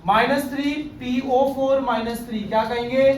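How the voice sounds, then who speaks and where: A man's voice: very high voice, steady tone, normal speed, slight background noise. A male chemistry teacher giving a classroom lecture, often quizzing his class with questions. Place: classroom with students. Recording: echoey room, far from mic, class murmur.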